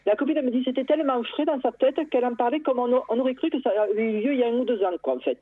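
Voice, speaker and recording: A woman calling in to a radio show, telling a personal story in a lively way, often restarting her sentences. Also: a little high, very fast, no room sound. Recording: tinny phone line.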